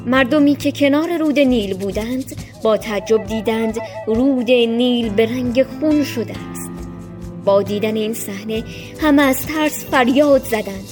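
A woman tells a children's storybook in an expressive, measured way. Her voice sits slightly high, and soft music plays faintly beneath her narration.

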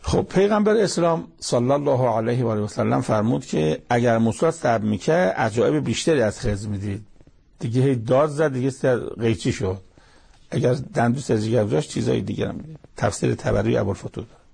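A man with a deeply gravelly, husky voice teaches scripture commentary. His tone is dark and mellow, and he talks plainly and conversationally, retelling old stories as simple back-and-forth dialogue. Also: expressive. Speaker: Quran interpreter. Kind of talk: colloquial Quran commentary lesson.

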